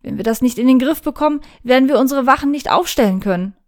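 A panicked, earnest young knight, as a woman reading the tale puts him on, speaking in an urgent, anxious rush. His voice sits a little higher and louder than the narration around him. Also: lively intonation, fast.

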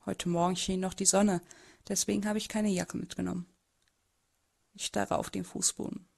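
A woman's voice: mid-range voice, flat delivery, moderate pace, creaky, darkish tone. A woman voicing a timid, bullied teenage boy who narrates his own story in an amateur audio drama, in a hesitant, subdued way.

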